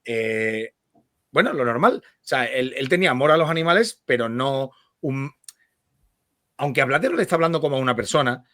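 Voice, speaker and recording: A middle-aged man from Spain hosting a relaxed radio conversation, with many hesitations and restarts. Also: medium pitch, fairly quick, no echo, studio quality. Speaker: radio host.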